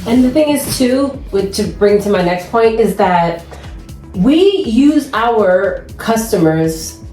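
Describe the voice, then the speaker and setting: A woman's voice: mid-range voice, expressive, takes it slowly, mellow, roomy sound, soft background music. A woman, a nail tech and podcast host, talking casually and animatedly, laughing often as she tells stories. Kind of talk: casual chat.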